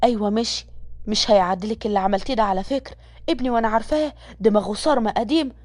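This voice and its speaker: A kindly older mother with an Egyptian accent who fusses, chides and comforts, as a woman storyteller puts her on. Her talk runs quick and high in a dry, close audio story. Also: a little mellow, dry recording, close to an everyday voice. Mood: fussing. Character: kindly older mother, teasing but caring.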